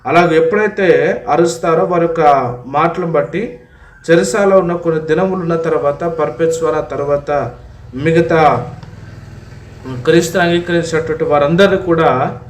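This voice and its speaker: A man preaching as a pastor, telling a martyr story in a sermon, calling the listeners God's children and pausing often on long fillers. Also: fairly high pitch, slight background noise. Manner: retells a martyr story with frequent drawn-out fillers. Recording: echoey room, voice from a distant mic.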